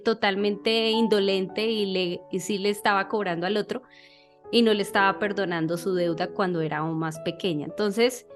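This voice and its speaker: Woman giving a casual sermon. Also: medium pitch. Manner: conversational, checks in with "¿sí?", frequent fillers. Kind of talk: informal sermon talk.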